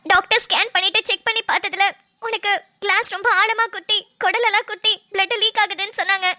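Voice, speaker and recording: A woman's voice: very high-pitched, steady tone, a little fast, sharp tone, dry recording, clean studio sound, full character voice. A woman voicing a caring young woman in a cartoon, tearful and scolding out of worry. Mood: worried. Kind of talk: cartoon voice acting.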